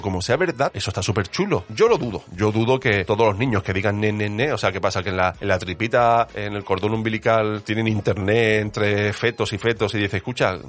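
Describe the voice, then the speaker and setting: A man's voice: fairly low pitch, a bit bright. A man hosting a podcast, chatting casually in a joking, slangy, sarcastic way. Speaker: podcast host.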